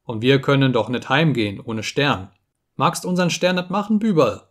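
A man's voice: mid-range voice, expressive, moderate pace, a bit bright. A man voicing a kindly, fatherly old bearded king who speaks in coaxing in a storybook reading.

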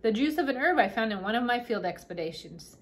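A woman doing a brisk, crooning doll queen. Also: fairly high pitch, animated, close to an everyday voice. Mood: tender. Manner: crooning, assured.

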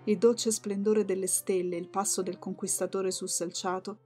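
A woman narrating a literary audiobook in a calm, measured way. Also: mid-range voice, faint music behind.

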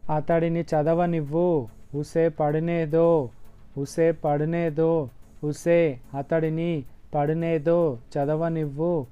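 Slow, deliberate male Hindi teacher. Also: on the high side, flat delivery, smooth, highs cut off, soft background music. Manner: repeats each phrase slowly and deliberately. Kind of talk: slow language lesson, repeating phrases.

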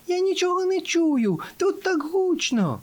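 A man voicing a brave female desert creature in a storybook, with high squeals and urgent whispers. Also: sing-song, measured pace, exaggerated voice. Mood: alarmed.

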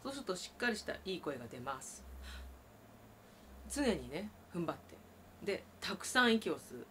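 A woman teaching traditional Japanese singing, explaining breath and voice and breaking into loud sustained sung tones. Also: lowish voice, sing-song, normal speed, slight background noise. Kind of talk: vocal lesson with sung demonstrations.

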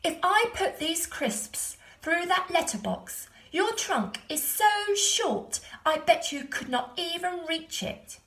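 A woman voicing a clever young boy who taunts in a high, drawn-out voice. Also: sing-song, a bit bright, echoey room, full character voice, poor audio. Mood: teasing.

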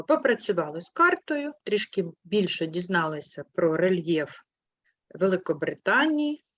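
Patient woman teacher, low and dry. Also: no room sound. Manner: patient, clear, asks questions and corrects pupils gently. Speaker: primary school teacher. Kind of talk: online class lesson. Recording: muffled low-fidelity sound.

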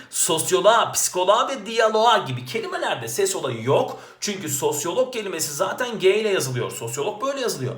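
A man working through exam grammar questions as a teacher, asking questions and answering them himself in a lively way. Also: sits high. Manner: lively, talks to himself, asks and answers his own questions. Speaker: Turkish language teacher. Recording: roomy echo.

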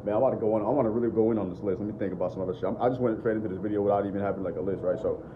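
A young adult vlogger focused on dating and self-improvement talks very fast to his phone camera, held at arm's length in his living room. His deep voice delivers blunt, profane, unscripted talk peppered with "bro" and "bottom line." The audio is dull, with slight background noise.

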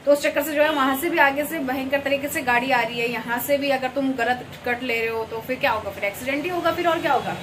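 With a camera fixed in her home kitchen, by a window onto a busy highway, a young woman from Uttarakhand cooks and chats to her vlog audience, rambling with many fillers. Her high voice holds a steady tone, moving quickly with few pauses over a noisy background.

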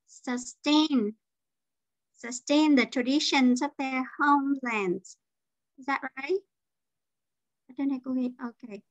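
A woman's voice: sits high, takes it slowly, long pauses, dry recording, muffled recording. A woman teacher leading an online class, explaining vocabulary and patiently drilling pronunciation. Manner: drills pronunciation, mixes English terms into explanations.

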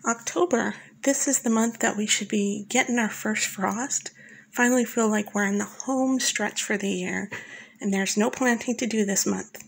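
Calm woman narrating a month-by-month guide. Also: mid-range voice, normal speed, vocal fry, breathy edge, poor audio. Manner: calm, instructive, talks directly to the listener. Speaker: flower farmer and channel host. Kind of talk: scripted voice-over narration.

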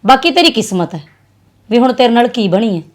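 A young woman with a Punjabi accent acting a sharp, scolding sister in a drama. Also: a little high, animated. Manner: scolding and fast-talking. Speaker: actress playing a sister.

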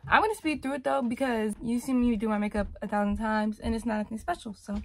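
A woman's voice: fairly high pitch, fairly even intonation, quick pace. A young woman vlogging casually in her bedroom, rambling and chatty, with a morning voice after just waking up. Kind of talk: casual vlog chat. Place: bedroom, indoors.

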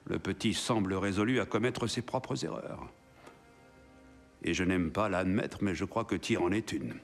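A frank companion and adviser in a game drama. His low voice is measured and reflective, with soft music behind it. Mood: reflective, candid. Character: thoughtful, frank male companion and brotherly adviser. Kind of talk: video game drama acting.

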